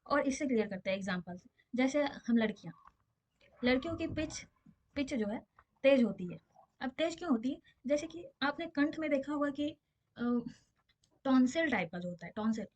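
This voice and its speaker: A woman's voice: sits high, a little mellow, highs cut off. A woman physics teacher giving a casual exam-prep lesson, explaining with everyday examples and often checking that her students understand.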